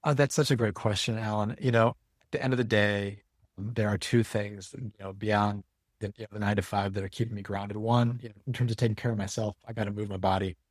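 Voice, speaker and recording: A man speaking as a guest educator in an interview, thoughtful and measured. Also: fairly low pitch, steady tone, no room sound, studio quality. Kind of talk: reflective interview talk.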